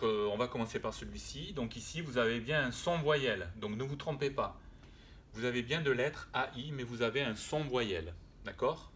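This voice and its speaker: Guy teaching french sounds, super slow and patient, says each word a few times, faint hiss behind. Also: medium pitch, fairly bright tone. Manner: slow, patient, repeats words and sounds aloud; hesitant, with frequent "euh" and self-corrections. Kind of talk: spelling and pronunciation lesson.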